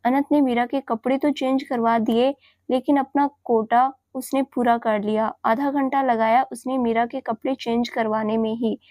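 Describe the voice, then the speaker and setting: A woman narrates a romantic serial story in an even, unhurried way. Her voice sits a bit high and sounds dry and close, with no echo. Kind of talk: scripted audio-story narration.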